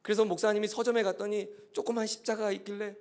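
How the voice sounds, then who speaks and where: A man's voice: high voice, little pitch movement, quick pace, darkish tone, clear, resonant tone. A male pastor telling a story in a sermon, earnest and growing impassioned and pleading.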